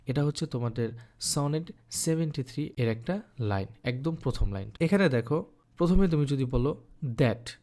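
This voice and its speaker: A man's voice: mid-range voice, animated, warm tone. Patient male teacher breaking down syllables. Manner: patient, explains step by step, often asks then answers his own questions; slows down to sound out words syllable by syllable. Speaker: English teacher. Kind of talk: online lecture explaining poetry scansion. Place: recording for an online course.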